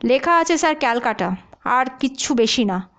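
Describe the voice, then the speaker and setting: A woman's voice: high-pitched, expressive, normal speed, a bit bright. A woman voicing a huge, fearsome-looking male police officer who keeps saying "sir" and hesitates with fillers. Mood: deferential.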